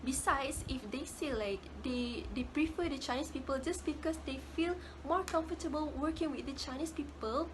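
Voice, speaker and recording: With noise in the background, a student presenter, a young woman with a Malaysian English accent, talks casually to her class, repeating words as she hunts for phrasing. She speaks in a high voice at normal speed with few pauses.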